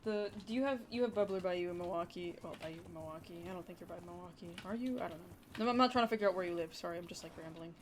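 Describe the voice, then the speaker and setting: A woman's voice: fairly low pitch, rapid-fire, few pauses, slight background noise. A young woman with a Wisconsin accent, a livestreamer chatting casually with her viewers and rambling between topics. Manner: rambling, talks to chat with lots of "like" and "dude".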